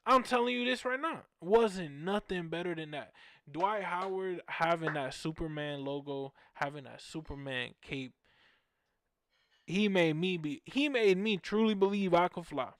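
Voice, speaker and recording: A man in his twenties from Orlando hosting a fan show, telling casual stories in an animated, slangy way and repeating phrases for emphasis. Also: sits high, unhurried, no echo, clean studio sound. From Orlando, Florida, USA. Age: 20s. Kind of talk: casual storytelling.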